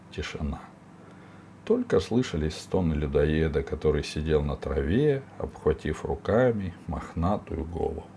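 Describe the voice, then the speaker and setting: A man narrating a children's storybook in a deliberate, animated way. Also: very deep voice, vocal fry, a little hiss or hum. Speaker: audiobook narrator.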